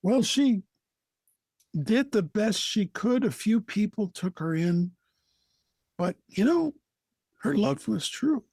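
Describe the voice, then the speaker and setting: A man with an American accent, telling a folktale as a storyteller, deliberate, with dramatic pauses. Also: sits high, animated, vocal fry, a little mellow, husky, dry recording. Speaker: storyteller, co-host.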